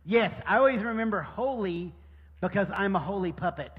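A cheeky hand puppet, played by a man, with a high, husky voice and a teasing, joking manner. The sound is dull and rings through a large hall. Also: lively intonation, normal speed. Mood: playful.

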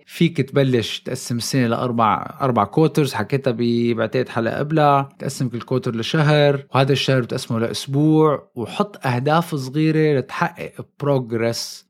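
A man's voice: medium pitch, expressive, quick pace. A man giving an earnest motivational monologue, repeating his points and dropping in English phrases.

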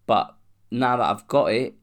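This solo podcast comes from a young man from London who has a cold and sore throat. Speaking in a mid-range, expressive voice at a measured pace, he rambles casually, restarts himself and swears.

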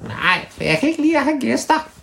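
Man doing a tiny winged sprite girl for a told story, sulky and touchy, squeaky voice pitched far above his own. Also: sing-song, vocal fry, a bit bright, exaggerated voice. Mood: rude.

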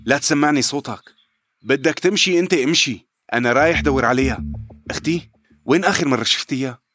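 An actor playing a brave, loyal young villager in a radio drama, talking bluntly and urgently in Levantine Arabic. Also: male voice, mid-range voice, fairly quick, a bit bright, dry recording, studio quality, close to an everyday voice. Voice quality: blunt, urgent, insult-laden. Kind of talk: audio drama acting.

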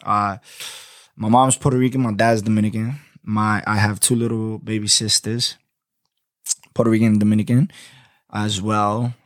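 A man's voice: on the low side, flat delivery, moderate pace, pauses often, dry recording, clean studio sound. A young man from Florida with a Florida accent, hosting a solo podcast in laid-back, slangy talk. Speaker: podcast host.

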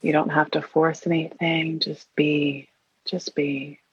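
A woman leading a guided meditation in an airy, breathy, soothing and hushed voice, leaving long pauses. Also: sits low, flat delivery. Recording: roomy, dull lo-fi sound.

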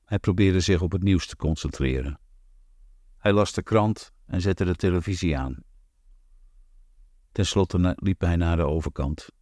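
A man narrating an audiobook in a calm, measured, even reading. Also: low-pitched, no room sound, studio quality. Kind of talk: scripted narration.

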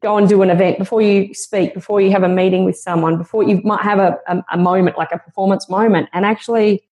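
A woman's voice: medium pitch, fairly even intonation, fast talker, dark tone. A woman guest on a podcast interview, speaking in an earnest, motivational and reflective way.

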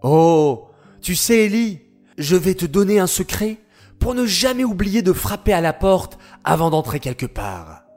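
Man doing patient explainer boy for a children's storybook, slow, unhurried delivery. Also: high-pitched, big pitch swings, darkish tone, soft background music. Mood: patient, warm.

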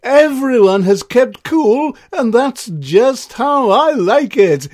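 A man's voice: very high voice, animated, slow pace, a little mellow, pitched above the performer's own voice, heavily acted. A man voicing a pompous, cold-hearted male Ice King in a children's story. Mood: smug. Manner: pompous, self-satisfied, punning.

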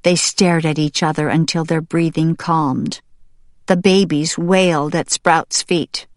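A woman narrating a children's novel in steady, measured storytelling. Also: low-pitched, no echo, studio quality. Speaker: audiobook narrator. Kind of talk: scripted narration.

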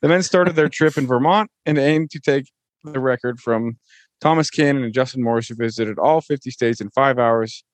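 A man's voice: mid-range voice, moderate pace, dry recording. A man reading a news item on a casual podcast with friends, with offhand dry humor. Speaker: news segment reader on podcast.

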